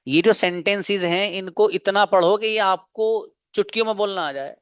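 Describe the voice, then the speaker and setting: A man's voice: sits high, moderate pace, clean tone, no room sound. Earnest male online teacher, coaxing and repetitive, close and dry. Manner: coaxing, earnest, repeats himself. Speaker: English teacher. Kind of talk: online spoken English class.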